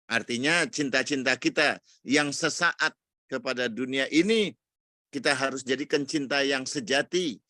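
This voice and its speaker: Bright-voiced Indonesian preacher man. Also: mid-range voice, moderate pace, dry recording, clean studio sound. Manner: earnest preaching, recites Arabic verses. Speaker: ustadz giving a weekly study talk. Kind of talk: sermon lecture.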